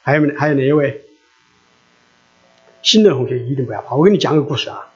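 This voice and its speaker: A man's voice: medium pitch, expressive, fast talker. Earnest pleading male preacher, lo-fi. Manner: earnest, pleading, repeats his appeals. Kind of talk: sermon with altar call and prayer. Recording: dull lo-fi recording.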